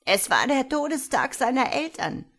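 Woman putting on a shrill frail old lady. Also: very animated, moderate pace, heavily acted. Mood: shouting fond. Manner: near-shouting, quavering.

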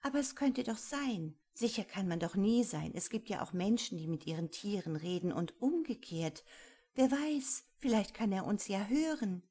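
A woman voicing a dreamy, starry-eyed female kitchen goblin who gushes in a high voice. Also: lively intonation, moderate pace, mellow, natural voice. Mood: gushing.

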